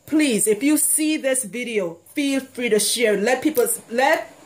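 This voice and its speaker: A hair care consultant from Trinidad, with a Trinidadian accent, chats casually and outspokenly to her viewers in a to-camera vlog, laughing often. Her voice is on the high side, her pace measured, and the sound is reverberant.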